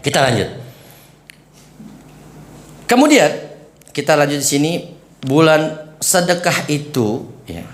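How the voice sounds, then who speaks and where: Male preacher teaching women in an echoey room, animated and audience-engaging, with a faint hum behind. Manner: lively, jumps high for emphasis, keeps asking the audience. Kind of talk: religious lesson to women.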